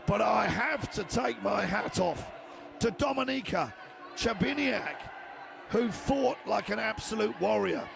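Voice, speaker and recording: A man giving excited live fight commentary, often shouting, and losing his voice. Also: high-pitched, unhurried, creaky, a crowd in the background.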